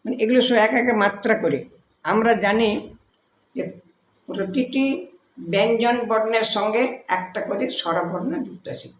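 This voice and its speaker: A man's voice: high-pitched, moderate pace, pauses often, a little hiss or hum. Patient man teaching kirtan, echoey room. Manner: patient, repeats and simplifies, addresses viewers directly. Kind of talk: explaining a music lesson.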